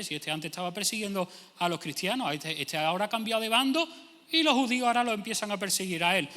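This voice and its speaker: A man's voice: high voice, bright, forceful tone. A male pastor, preaching a sermon emphatically and acting out imagined speakers. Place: church hall. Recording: long church hall reverb.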